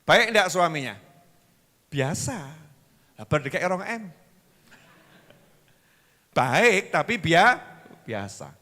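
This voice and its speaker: Man, Javanese accent, sermon, lively storytelling preacher, bright tense voice, long hall reverb. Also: high voice, extremely slow, long pauses. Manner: animated storytelling, acting out dialogue in shifting voices.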